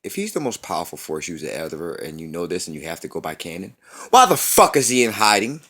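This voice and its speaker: A man's voice: sits low, very animated, fast, a bit bright, breathy edge. A man in his thirties ranting in a casual movie review, profane, slangy and repeating himself. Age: 30s. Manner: slangy street talk.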